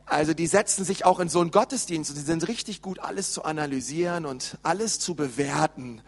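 A man preaching a lively sermon and speaking directly to his congregation. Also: on the high side, fairly quick, in a large hall. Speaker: pastor.

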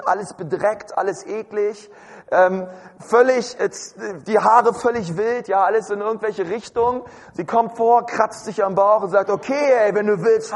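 A man preaching a lively sermon, talking straight to his congregation and often calling out to them. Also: sits high, big-room sound. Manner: lively, direct, addresses the audience with "hey". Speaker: pastor. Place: church hall.

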